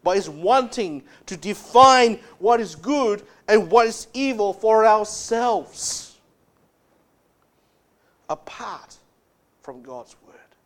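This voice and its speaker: A man preaching a sermon as pastor, speaking emphatically and dropping low and soft to stress key words. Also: expressive, slow pace.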